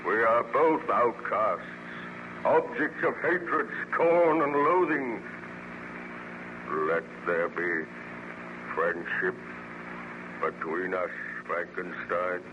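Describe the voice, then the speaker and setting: A lonely bitter monster in an old radio play, slow n grand, noisy muffled recording. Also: male voice, lowish voice. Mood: anguished, solemn. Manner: formal, declamatory, dramatic pauses. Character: artificial monster, lonely outcast pleading bitterly for friendship. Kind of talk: 1930s-40s radio serial acting.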